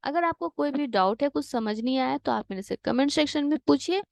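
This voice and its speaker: A woman's voice: high voice, animated, brisk, vocal fry, dry recording. A woman teaching young children to read Hindi, sounding out each syllable patiently and slipping in English words. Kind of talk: slow syllable-by-syllable lesson reading.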